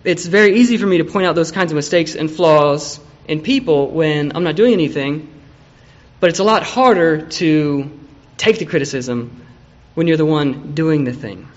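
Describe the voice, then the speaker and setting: Preacher, male, fairly high voice, chatty delivery with acted-out quotes, dull lo-fi recording. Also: moderate pace. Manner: conversational, acts out quoted people. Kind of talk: evening sermon.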